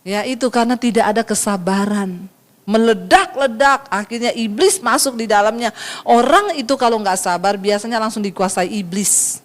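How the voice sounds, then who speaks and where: Her voice on the high side and her pace moderate, a woman pastor delivers a sermon full of lively storytelling. She frequently turns to speak straight to her audience.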